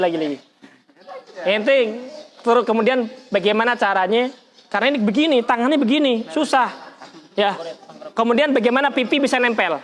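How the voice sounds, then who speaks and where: A man. He demonstrates as he explains and keeps asking his listeners questions. His pitch jumps up suddenly in exclamations. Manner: animated, colloquial, demonstrating with gestures, asks the audience questions. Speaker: religious teacher. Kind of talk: lively Islamic study lesson with demonstration.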